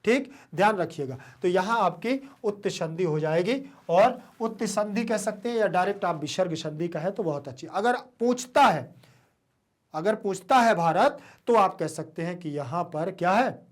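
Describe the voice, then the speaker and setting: A woman teacher giving an online grammar lesson, repeating key words and asking students quick questions. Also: fairly low pitch, animated.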